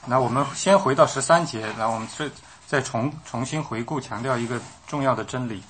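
A man interpreting for a Bible study and directing the reading, steady with some hesitant fillers. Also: mid-range voice, fairly quick, slight background noise.

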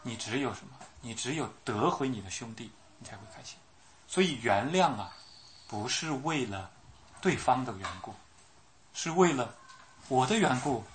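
A man's voice: mid-range voice, lively intonation, normal speed, slight background noise. A man preaching a sermon. He keeps asking his listeners questions and acts out the voices of the people he quotes. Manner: asks the audience questions, repeats himself.

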